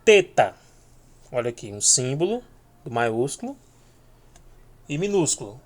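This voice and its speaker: Male teacher, mid-pitched, drills each word slowly for students. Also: sing-song. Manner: slow, repeating each letter name for learners. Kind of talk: video lesson.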